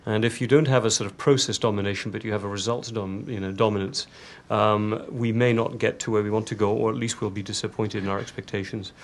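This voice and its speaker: A man's voice: fairly low pitch, fairly even intonation, fast, few pauses. A man chairing a panel discussion, thinking aloud with fillers and inviting questions from the floor. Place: conference room.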